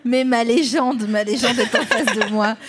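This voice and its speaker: A woman's voice: on the high side, moderate pace, heavy background noise. A woman hosting a casual chat, playful and teasing, swearing and laughing often. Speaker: host.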